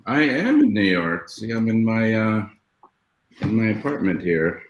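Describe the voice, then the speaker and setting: A man calling in from his apartment, relaxed and joking in casual chat. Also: lowish voice, measured pace, echoey room, highs cut off, noisy background. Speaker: remote caller.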